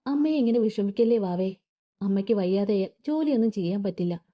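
A woman voicing a tired young pregnant woman who speaks softly and reassuringly in a storybook reading. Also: mid-range voice, lively intonation, fairly quick, highs cut off, close to an everyday voice. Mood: weary. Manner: faint, reassuring. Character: weary young pregnant woman, brave and soft.

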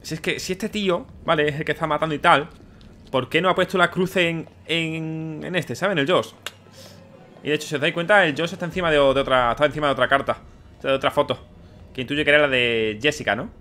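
Fast-talking bright-voiced man commenting on gameplay. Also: a little high, steady tone. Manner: chatty, wry asides to viewers. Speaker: streamer playing and commenting. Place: small gaming room at home. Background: faint horror game sound.

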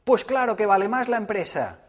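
Teacher firing rhetorical questions. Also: male voice, high-pitched, a little fast. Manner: lively, rhetorical questions to students, acts out dialogues. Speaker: economics teacher. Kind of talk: classroom lecture.

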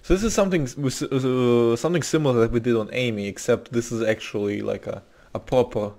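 Streaming roleplay commentary, this young man speaks quickly in a mid-range, darkish voice. He mumbles to himself while typing and keeps breaking off to start his sentences over.

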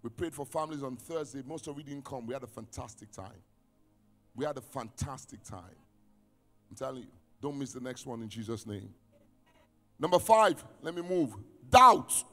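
A man preaching a sermon as pastor, reading scripture and quizzing his congregation, swinging from shouts down to near-whispers. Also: medium pitch, animated, moderate pace. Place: church hall. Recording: reverberant church hall with music.

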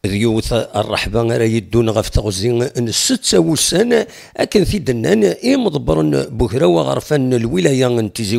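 Male news narrator, gravelly and husky. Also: medium pitch, darkish tone. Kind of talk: news voice-over.

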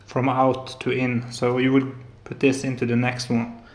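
Speaking at normal speed in a mid-range voice with completely flat delivery, this man in his thirties from Norway shows off his home electronics project in a casual tech demo. A hobbyist maker with a Norwegian accent, he's soft-spoken and hesitant, full of filler sounds, and the echoey recording comes from his indoor apartment living room and kitchen.

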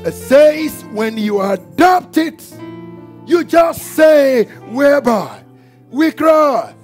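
High-voiced pastor preaching. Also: male voice, sing-song, slow pace. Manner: emphatic call-and-response preaching, shouting and chanting. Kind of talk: sermon. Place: church hall. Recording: church service with music and congregation behind. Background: music and congregation.

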